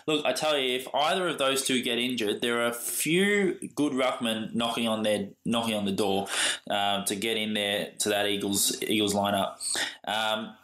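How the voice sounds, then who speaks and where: A man's voice: fairly low pitch, normal speed, fairly bright tone, reverberant, poor audio. An Australian man co-hosting a casual fantasy football chat, eager and hesitant, often repeating words. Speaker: fantasy football podcast co-host.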